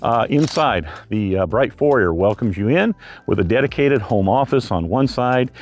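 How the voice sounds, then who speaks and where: A man's voice: medium pitch, animated, normal speed. A man working as a real estate agent, giving a casual, chatty tour of a home and neighborhood, outdoors at times, rambling with frequent filler sounds.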